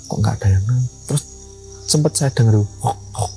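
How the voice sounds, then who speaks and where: A man's voice: medium pitch, brisk, warm tone, faint music behind, poor audio. A young man, a mountain ranger and guide telling a story in an interview and acting out its dialogue. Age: young adult.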